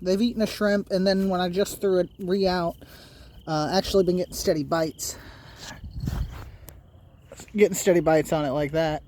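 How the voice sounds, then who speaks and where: A man chatting casually while night fishing on a riverbank, excitable, swearing a lot and laughing often. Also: high voice, moderate pace, pauses often, a little hiss or hum. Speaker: angler filming his night fishing. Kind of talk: casual fishing vlog chat.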